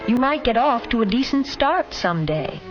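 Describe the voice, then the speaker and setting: Over film score music on a dull vintage soundtrack, a woman narrates a 1950s educational film from a script, scolding the listener directly. Her voice sits on the high side and is highly animated, delivered at a moderate pace.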